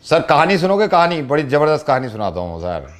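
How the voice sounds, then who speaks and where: A man's voice: fairly high pitch, very animated, fairly quick, crowd noise. Playful male radio host telling jokes. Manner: teasing, chatty, storytelling. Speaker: radio host making a prank call. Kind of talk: playful prank-call banter and storytelling. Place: radio studio in Delhi.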